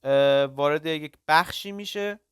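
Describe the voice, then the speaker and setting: A host giving a casual step-by-step screen walkthrough, halting often with filler sounds and addressing viewers as kids and friends. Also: medium pitch, clean tone, no echo, clean studio sound. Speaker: crypto tutorial channel host.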